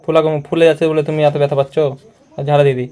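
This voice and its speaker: A man's voice: a little high, flat delivery, very fast, dark tone. A man filming a casual home vlog, teasing and coaxing a child in a playful way, often repeating his words. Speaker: vlogger.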